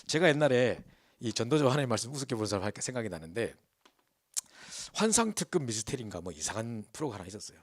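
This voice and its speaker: A male pastor preaching a sermon. He tells stories in an animated way and keeps asking the congregation to agree with him. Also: medium pitch, fast talker, husky, no echo. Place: church.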